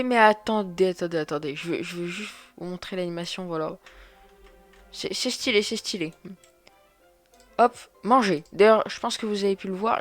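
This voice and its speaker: A man giving excitable, chatty let's play commentary, often repeating words as he plays. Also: high-pitched. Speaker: gaming video creator.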